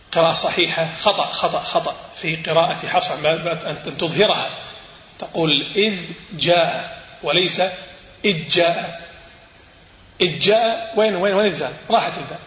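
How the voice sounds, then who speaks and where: A man giving a sermon, explaining word meanings and correcting recitation in a measured teaching manner. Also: fairly high pitch, bright, forceful tone. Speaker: preacher. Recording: echoey hall.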